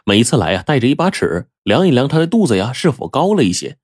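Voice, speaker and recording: Male storyteller, folksy lively narration, husky voice, dry close sound. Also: medium pitch, fast talker, no echo. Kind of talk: oral storytelling.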